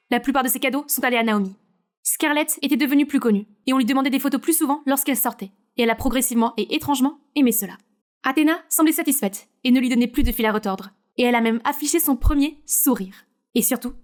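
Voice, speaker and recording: A woman narrating an animated storybook video, with a high voice and a fast delivery. She adds brisk, chatty asides to the listener between story beats.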